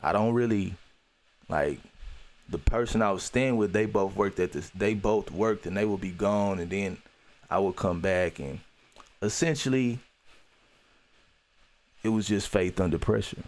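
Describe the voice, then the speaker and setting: A man with a low voice talks through a personal story on his podcast, earnest and reflective. His speech is loose and conversational, full of "you know" and restarts. He comes back to key phrases to drive them home. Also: measured pace, pauses often, a little mellow. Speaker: podcast host.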